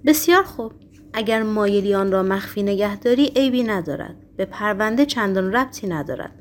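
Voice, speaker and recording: A woman's voice: medium pitch, animated, slight background noise, lightly acted. A woman reading the part of a stern middle-aged male Roman governor, with a harsh, broken voice and cold, mocking questions. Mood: sharp.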